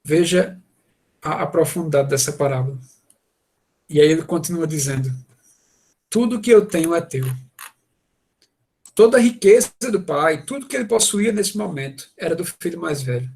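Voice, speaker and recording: A man's voice: on the high side, brisk, creaky, a little mellow. A man preaching a sermon, earnest and asking the congregation direct questions.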